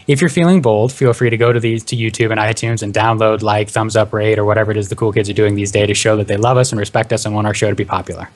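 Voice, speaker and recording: A man hosting a gaming podcast panel, introducing guests with brisk, upbeat patter. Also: on the low side, steady tone. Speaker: podcast host. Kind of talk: hosted panel discussion.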